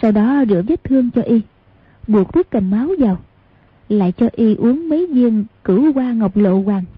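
Audiobook narrator: woman, very husky, tinny phone-like sound, measured reading. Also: on the high side, no echo. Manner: even, measured reading, voicing each character. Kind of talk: scripted storybook narration.

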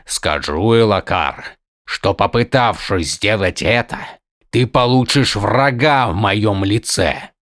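A man voicing a stern, weary older male highlord who speaks firmly and scolds emphatically, in an audiobook. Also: takes it slowly, fairly bright tone, dry recording, studio quality. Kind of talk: audiobook character voice.

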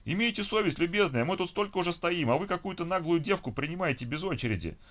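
A man voicing an indignant man complaining loudly in a queue. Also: on the high side, lively intonation, rapid-fire, pitched above the performer's own voice.

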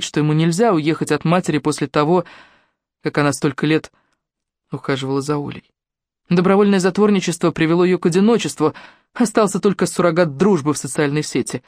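Audiobook narrator, measured and steady, close dry mic. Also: medium pitch, no room sound.

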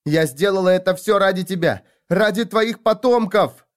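A man's voice: a little slow, natural voice. A man voicing a desperate, fierce young woman held captive, crying out and pleading. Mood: frantic. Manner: shrill pleading outbursts.

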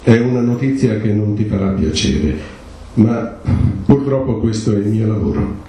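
A man reading aloud, voicing a gentle middle-aged police marshal breaking news to his wife with calm, measured delivery. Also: on the low side, far from the mic, natural voice. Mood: tender. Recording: echoey room, faint background noise.

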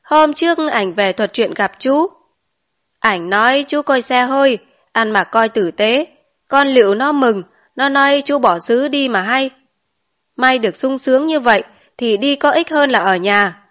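A woman's voice: fairly high pitch, animated, measured pace, fairly bright tone. A woman voicing a talkative rural mother of five in an audiobook, with a chatty, exclaiming manner. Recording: dull lo-fi recording.

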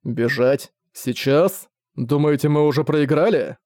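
Man voicing a roaring warlike king, commanding, slow rally cries, audiobook, dry close sound. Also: a little high, darkish tone, no echo, close to an everyday voice. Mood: scornful. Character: fierce warlike adult male king.

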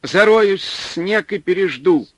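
A man reading an audiobook, voicing a panicky, whining male supply clerk who shouts in a shrill, complaining way. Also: expressive, a little slow, no room sound, full character voice. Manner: shrill, complaining, near hysteria.

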